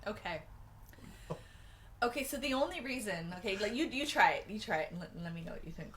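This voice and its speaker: Woman co-host for a tasting show, mid pitch, relaxed chatty read with playful mock dread. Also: a little fast, slight background noise. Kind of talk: casual tasting chat.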